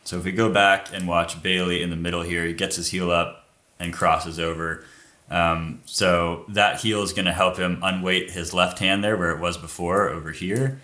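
A man's voice: low voice, fairly even intonation, moderate pace, bright, forceful tone. A man co-hosting a casual climbing technique breakdown, explaining moves and pointing things out on screen.

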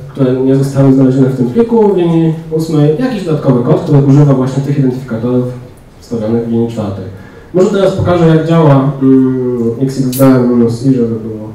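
A young man giving a technical talk in a large lecture room, pausing often with fillers. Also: medium pitch, mellow. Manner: hesitant, many fillers. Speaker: conference speaker. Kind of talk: technical presentation. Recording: echoey hall, distant mic.

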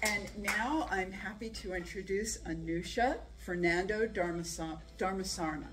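A woman's voice: medium pitch, unhurried, very noisy. An older woman hosting a live storytelling event, introducing readers and pointing out their writing technique in a teacherly way. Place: senior center room. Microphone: podium mic. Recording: distant room recording, faint ambience.

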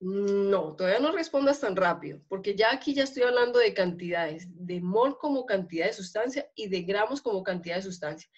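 A woman's voice: medium pitch, lively intonation, a little fast, hardly any pauses. Colombian female chemistry teacher, classroom lecture, frequent check-in questions, muffled lo-fi sound. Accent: Colombian Spanish. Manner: checks in often with questions to students.

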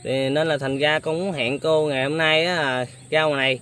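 A man's voice: a little high, steady tone, fairly quick, a bit bright, slight background noise. A young man hosting a casual interview, speaking politely with many hesitant fillers. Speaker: vlogger host.

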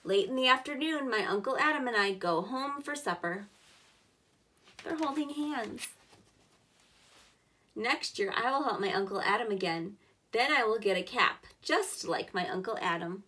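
Reading a storybook to a preschool class, a woman in her thirties adds plain, encouraging asides for the children. Her fairly high, animated voice has a sharp tone, moves at an ordinary pace and includes long pauses, captured indoors near the mic.

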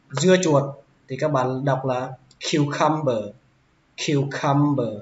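A man teaching English vocabulary, who says each word slowly and repeats it several times. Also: fairly high pitch. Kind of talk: vocabulary lesson. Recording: roomy, dull lo-fi sound.

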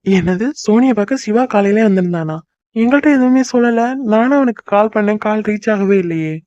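Man as a fretful cartoon husband, quick mid-pitch patter, muffled lo-fi recording. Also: a little mellow, dry recording, close to an everyday voice. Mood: alarmed. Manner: fast, scolding then soothing. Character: young husband, fretful but soothing.

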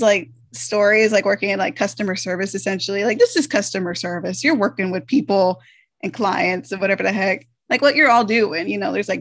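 A woman's voice: medium pitch, fairly bright tone, dry recording. A woman guest on a podcast, chatting casually and often quoting people with "like". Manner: chatty, full of "like" and quoted reactions. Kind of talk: casual chat.

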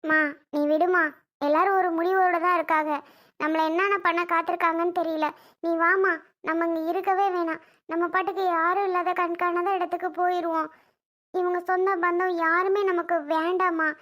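Protective young daughter in a family skit, high, insistent and pleading, played by a woman. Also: little pitch movement, moderate pace, a bit bright. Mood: urging.

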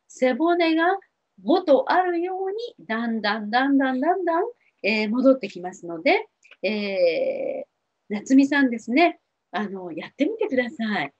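Middle-aged woman counselor, soft and reassuring, speaking to TV viewers; lively, expressive pitch; slightly dull lo-fi sound. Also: breathy edge. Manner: gentle, reassuring, many fillers. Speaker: spiritual counselor answering viewer questions. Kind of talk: advice talk to TV viewers. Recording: dull lo-fi TV audio.

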